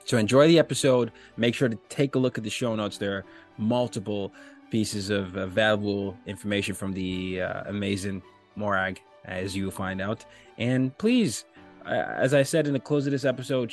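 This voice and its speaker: Guy podcast host, pumped up, goes loud then soft, bit of music behind. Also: on the low side, normal speed. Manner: enthusiastic, animated delivery with big swings in loudness. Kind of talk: podcast intro and interview.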